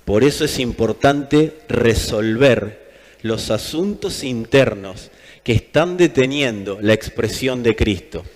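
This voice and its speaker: A man with an Argentine Spanish accent preaches a sermon emphatically, repeating phrases for effect. His voice is medium-pitched and he takes his time. A long hall reverb surrounds the recording.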